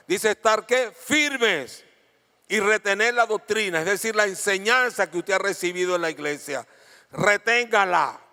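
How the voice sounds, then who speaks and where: Pastor preaching in a bright voice. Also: male voice, sits high, measured pace. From Venezuela. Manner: lively storytelling with questions to the congregation. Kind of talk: sermon. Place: church auditorium. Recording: long hall reverb.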